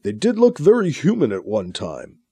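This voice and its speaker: A man as a calm, measured scientist storyteller. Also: on the high side, breathy edge, dry recording, studio quality, voice pushed up, exaggerated voice. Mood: explaining. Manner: measured, explanatory.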